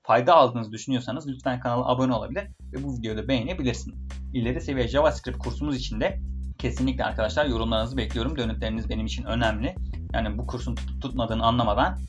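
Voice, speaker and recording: A man's voice: mid-range voice, rapid-fire, music in the background. A man teaching a programming course, talking to viewers in a friendly way, his voice fuzzy and distorted from a built-in laptop microphone. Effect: distorted fuzzy sound. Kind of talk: online coding lesson wrap-up. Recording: dull lo-fi fuzzy laptop mic.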